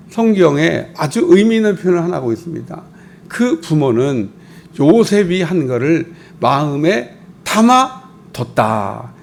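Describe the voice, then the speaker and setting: Male pastor, middle-aged, gravelly and fairly high, chatty sermon with acted-out quotes, faint hiss behind. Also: a little mellow. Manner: colloquial preaching, acting out quoted voices. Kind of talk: early-morning sermon.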